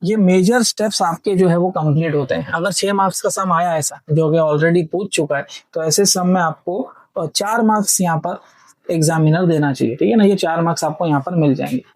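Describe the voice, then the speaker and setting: A man's voice: on the high side, fairly quick, darkish tone, no room sound, low-quality recording. A man teaching engineering step by step, patiently walking students through a worked problem and checking in with them often. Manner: patient, repeats "theek hai" and checks understanding often; mixes English technical terms into Hindi speech.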